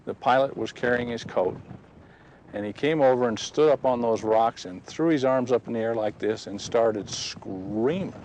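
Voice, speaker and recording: A man's voice: medium pitch, normal speed, darkish tone, a little hiss or hum, low-quality recording. A man giving an earnest personal faith testimony outdoors at a historic site, acting out the dialogue as he tells it. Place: outdoors on a ridge.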